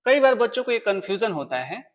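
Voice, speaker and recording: A man's voice: sits high, big pitch swings, fast, lo-fi sound. A man teaching an English grammar lesson, explaining step by step and answering his own questions. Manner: writes on a board while explaining.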